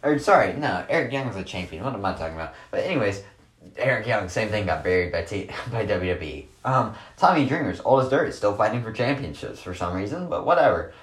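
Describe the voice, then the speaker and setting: A man's voice: on the low side, lively intonation, brisk, echoey room. A man hosting a casual solo sports rant, sarcastic and rambling, tossing off dismissive asides. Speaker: podcast host.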